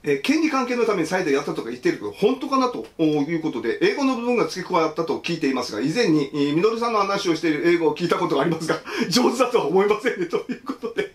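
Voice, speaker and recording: Animated, high-voiced male stream host. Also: racing, hardly any pauses. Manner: chatty, laughs often, comments on each message aloud. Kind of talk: casual livestream commentary reading viewer comments.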